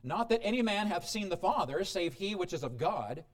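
A male preacher delivers a sermon in a high, very lively voice that swoops up and down. He reads scripture aloud and then explains it, dropping to a near hush and rising again with frequent chuckles. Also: moderate pace. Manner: dramatic shifts in pitch and volume, chuckles often.

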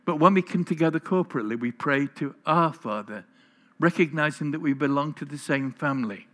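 A man's voice: a little high, animated, fairly quick, a bit bright. Earnest preacher man. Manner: earnest, questioning the listeners directly. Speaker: pastor. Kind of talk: sermon. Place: church.

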